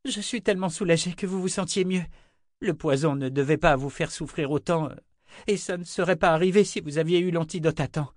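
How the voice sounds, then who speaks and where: Weird intense young guy preaching away, higher pitched, a man doing him for an audiobook, dry sound. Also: a little fast, no echo, lightly acted. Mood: pleading. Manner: earnest, pleading, lecturing. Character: strange, fervent young man, anxious and preachy.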